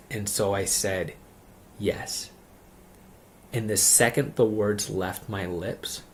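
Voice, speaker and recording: Slow, low-voiced man giving earnest testimony. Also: a little hiss or hum. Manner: earnest, halting, with frequent "like" fillers and repeated phrases. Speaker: speaker giving a religious testimony. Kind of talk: personal conversion testimony.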